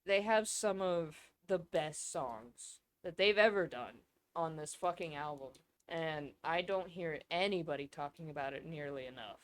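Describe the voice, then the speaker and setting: A woman co-hosting a casual podcast, rambling and excitable, swearing freely. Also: low-pitched, a little slow. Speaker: podcast co-host. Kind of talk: casual chat.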